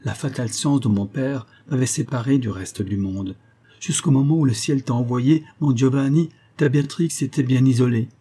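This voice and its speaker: Male reader voicing a frightened young woman, tender, pleading, dark husky timbre. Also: mid-range voice, moderate pace, voice pushed up, natural voice.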